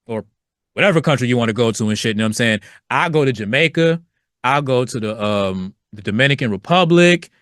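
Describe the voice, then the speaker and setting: A man's voice: mid-range voice, expressive, a little fast, a bit bright, no echo, studio quality. A middle-aged man from Virginia hosting a solo podcast, talking loosely and profanely in slang and acting out quoted voices along the way. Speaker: podcast host.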